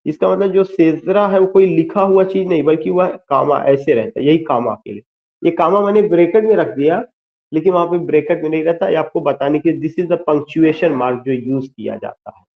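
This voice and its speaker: A male literature teacher giving an online lecture, speaking deliberately and spelling out terms letter by letter. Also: fairly high pitch, phone-quality sound. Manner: slow, deliberate, spells words letter by letter, mixes Hindi and English. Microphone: screen-share with whiteboard, computer mic.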